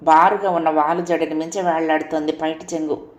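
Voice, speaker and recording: A woman narrating a novel as a storyteller, reading in a steady, even way. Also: deep voice, brisk, reverberant.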